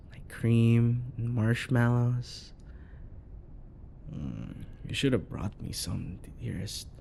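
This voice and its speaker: This man's gravelly, mid-range voice carries a slight hiss or hum as he voices a jealous, possessive yandere boyfriend for intimate ASMR. He coaxes with sweet pet names while staying passive-aggressive, with a thread of quiet menace underneath.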